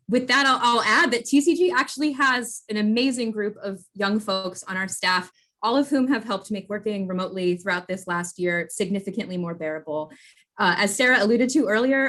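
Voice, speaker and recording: A woman in her late twenties hosting an online conference panel over a video call, talking in a warm, grateful, bubbly way. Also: mid-range voice. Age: 20s. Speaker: event production manager and conference host.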